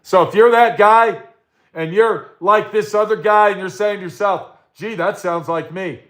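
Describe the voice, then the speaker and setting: A man's voice: high-pitched, measured pace, fairly bright tone, reverberant. A man in his sixties hosting his own channel, talking bluntly to camera in a profane, preachy monologue. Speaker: YouTube channel host.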